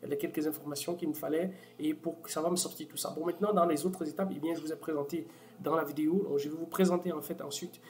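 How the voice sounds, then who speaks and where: A man walking viewers through a software tool in a casual screen-recorded tutorial, with many fillers and restarts. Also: a little high, steady tone, fast talker. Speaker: software demo presenter.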